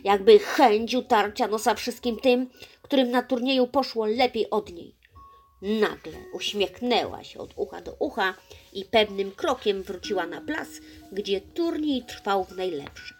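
Expressive woman reading a children's story. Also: mid-range voice, measured pace. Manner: expressive, soft-toned reading.

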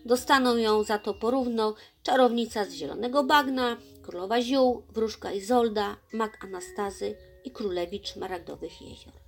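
A woman voicing a wise, kindly male elf judge in a storybook, announcing and gently scolding. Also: a little high, normal speed, creaky, hardly any pauses, faint music behind.

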